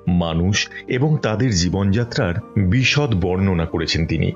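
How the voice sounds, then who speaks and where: A man reading a book aloud as an audiobook, in a measured, expressive storytelling manner. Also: lowish voice, highs cut off.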